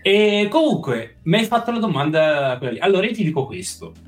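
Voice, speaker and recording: Animated young man in an echoey room. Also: high-pitched, a little fast. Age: 20s. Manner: blunt, heavily swearing. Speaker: live stream co-host. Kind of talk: casual chat. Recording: echoey room, faint music behind.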